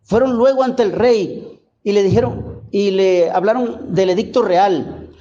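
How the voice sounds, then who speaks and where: A male pastor delivers a sermon, reading scripture aloud and drawing phrases out with emphatic repetition. His voice sits high but sounds mellow and unhurried. The recording is dull and lo-fi. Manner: slow, emphatic, repeats phrases and has the congregation repeat.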